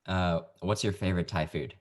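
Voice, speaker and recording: A man hosting a casual interview over a video call, his voice pitched very low. His tone is easygoing and jokey as he leads the questions. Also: steady tone, fairly quick. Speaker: podcast host.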